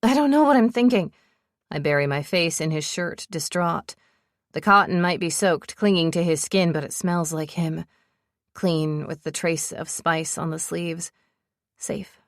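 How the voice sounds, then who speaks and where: A woman's voice: low-pitched, steady tone, a little slow, a bit bright, no echo, clean studio sound. A young adult woman doing emotive first-person audiobook narration with a breathless storytelling manner.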